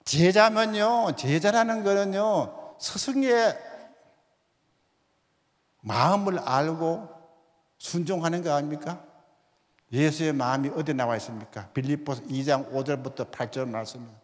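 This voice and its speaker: A man's voice: on the high side, unhurried, pauses often. A man in his seventies giving a sermon in a church, often putting rhetorical questions to the congregation. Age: 70s. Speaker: guest speaker. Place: church sanctuary. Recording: long hall reverb.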